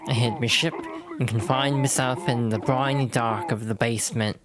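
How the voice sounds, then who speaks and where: Woman doing a gruff old pirate sailor. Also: very deep voice, steady tone, normal speed, crowd noise. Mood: mournful storytelling. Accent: mock pirate. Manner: gruff old fisherman talk with pirate dialect. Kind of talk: reading video game dialogue in character. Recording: clear game music behind the voice.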